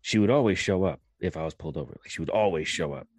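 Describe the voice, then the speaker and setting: A young man telling a personal story in a casual podcast chat, animated and laughing as he talks. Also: sits low, fast talker, breathy edge, no room sound, clean studio sound. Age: young adult. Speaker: podcast co-host.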